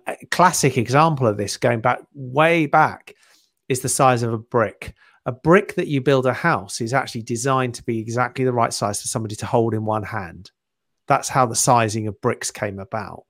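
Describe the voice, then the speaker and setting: A man's voice: mid-range voice, fairly bright tone, dry recording, clean studio sound. A man on a panel discussion who explains his point through long, meandering analogies. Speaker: podcast panelist.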